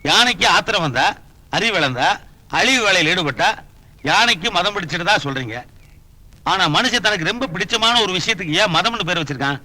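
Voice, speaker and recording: A naive, curious god among men. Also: male voice, sits high, lively intonation, a little fast, pushed and bright, dry recording, full character voice. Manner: wondering, innocent questioning. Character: god visiting earth as a man, naive and curious. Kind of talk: Tamil film comedy acting.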